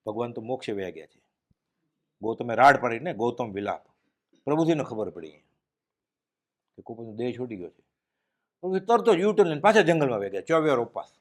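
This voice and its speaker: A man giving a devotional discourse, telling stories and dropping his voice low and quiet at solemn moments. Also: big pitch swings, a little fast, pauses often. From Gujarat, India. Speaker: spiritual speaker giving a discourse.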